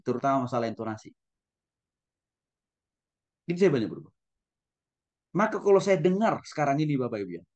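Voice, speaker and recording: Gentle male pastor lecturing. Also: fairly high pitch. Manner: addresses listeners often, frequent affirming "ya"; soft-spoken, gentle. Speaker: pastor and teacher. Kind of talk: conversational Bible-school lecture.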